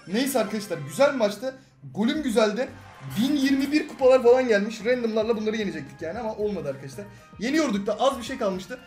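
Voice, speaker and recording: A young man with a Turkish accent giving excitable live gameplay commentary, talking to teammates and viewers with sudden loud outbursts. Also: extremely high pitch, quick pace. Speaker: gaming YouTuber. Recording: roomy sound with game music behind.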